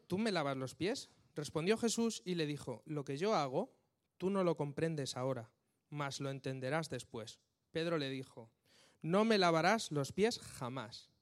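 A man preaching a casual sermon, reading scripture and often checking in with his listeners. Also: fairly high pitch.

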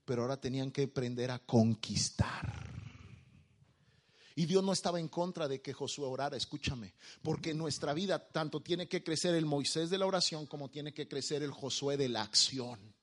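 A man preaching a sermon to a congregation, moving between quiet, intimate speech and loud emphatic declarations as he leads call-and-response. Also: a little high, moderate pace.

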